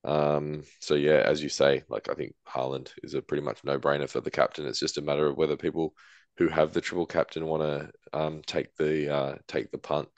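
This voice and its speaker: A man's voice: a bass voice, fairly quick, no room sound, lo-fi sound. A man co-hosting a casual sports podcast, talking loosely with plenty of fillers. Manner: relaxed, hedging with fillers. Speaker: podcast co-host. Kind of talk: casual chat.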